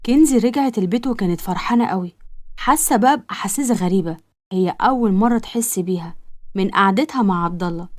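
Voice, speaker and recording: A woman with an Egyptian accent narrating a romance story in a brisk, matter-of-fact way. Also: mid-range voice. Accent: Egyptian Arabic. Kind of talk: scripted narration.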